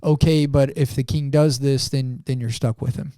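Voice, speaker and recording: A man's voice: mid-range voice, fairly even intonation, mellow, dry recording, studio quality. A man co-hosting a podcast, talking through a book in casual discussion, full of fillers and restarts. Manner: halting, many fillers and restarts. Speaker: podcast co-host.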